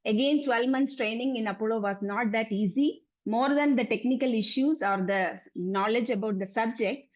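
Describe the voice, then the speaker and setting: In this personal presentation, a dietitian in her forties from Kerala, India, recounts her working life in a Malayali accent. She speaks at a normal speed with hardly any pauses, her voice on the high side, and the recording's highs are cut off.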